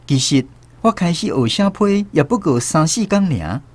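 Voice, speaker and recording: An actor with a Taiwanese accent narrates a radio drama in first person as an adult recalling a village childhood, in a reflective storytelling mood. His mid-range, darkish voice is sing-song at normal speed, with no echo and music beneath it.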